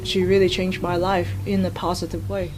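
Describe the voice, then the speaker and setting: A woman's voice: on the low side, little pitch movement, moderate pace, loud music behind the voice. A woman navy veteran from Hong Kong speaking in an earnest, heartfelt way in an interview. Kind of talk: interview testimony.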